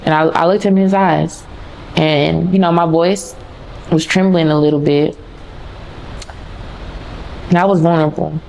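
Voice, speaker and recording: A woman's voice: deep voice, steady tone, unhurried, gravelly, long pauses, darkish tone, slight background noise. A woman podcast host telling a personal story in a candid, casual, conversational way, talking straight to her listeners.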